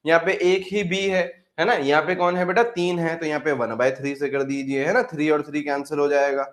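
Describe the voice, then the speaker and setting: High-pitched chatty male chemistry teacher. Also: steady tone, a little fast. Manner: calls students "beta", repeats phrases, scolds playfully. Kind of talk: live online class lecture.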